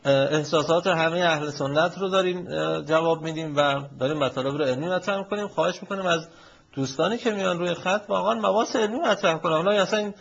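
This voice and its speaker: Firm, polite husky male show host. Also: a little high, fairly bright tone, lo-fi sound. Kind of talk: studio moderation.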